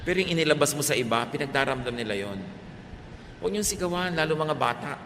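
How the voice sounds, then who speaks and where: A middle-aged Filipino man preaching a sermon, shifting between Tagalog and English and swinging from loud emphasis to soft, quiet lines. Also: a little high, animated, fast talker, slight background noise. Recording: reverberant hall, faint ambience.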